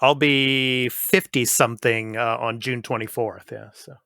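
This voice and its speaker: A man in his fifties chats as host of a gaming podcast. His voice is bright and forward, recorded dry and close. He is laid-back and laughs easily. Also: mid-range voice, fairly even intonation, unhurried, gravelly, no room sound. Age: 50s. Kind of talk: casual chat.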